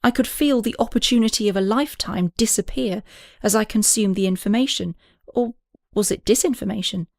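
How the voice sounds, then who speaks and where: A woman's voice: mid-range voice, fairly quick, vocal fry, a little mellow, no echo, clean studio sound. A woman reading an audiobook, narrating and voicing several characters with small shifts.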